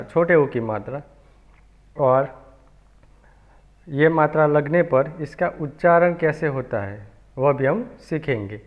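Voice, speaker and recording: A man gives a children's alphabet lesson at a very slow, deliberate pace, sounding out each letter again and again. His voice sits a little high, and it comes through a thin, tinny line like a phone recording. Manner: slow, patient, repeating sounds for young pupils. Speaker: teacher.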